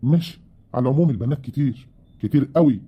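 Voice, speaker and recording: A man's voice: mid-range voice, very fast, breathy edge, lo-fi sound, lightly acted. A man with an Egyptian accent playing a bitter, worn-out older husband in a family web drama. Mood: dismissive. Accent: Egyptian Arabic. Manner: reproachful, rising to shouting.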